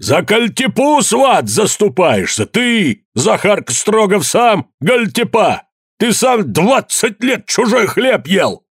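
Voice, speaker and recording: A man voicing a rich, stingy male peasant who answers curtly and shouts in fury, in a raised, husky voice. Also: a little high, a little slow, no room sound, studio quality, pitched above the performer's own voice, exaggerated voice. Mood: furious. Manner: curt, shouting.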